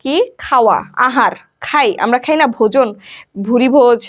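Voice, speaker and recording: A woman with a high voice leads an exam revision lesson. She reads out each question, then asks it again and answers it herself. She is a teacher from Bangladesh. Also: moderate pace.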